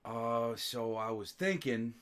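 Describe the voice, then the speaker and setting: A podcast host and beatmaker talks about making beats in a laid-back, casual chat, swearing offhandedly and laughing often. His voice is medium-pitched, slow and a bit bright.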